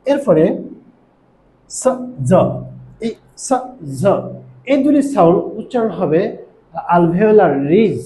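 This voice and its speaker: A male teacher with a Bangladeshi accent explains pronunciation slowly, step by step, pausing often with "ah" fillers. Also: sits high, lively intonation, mellow, echoey room, poor audio. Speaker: English teacher. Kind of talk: pronunciation lesson.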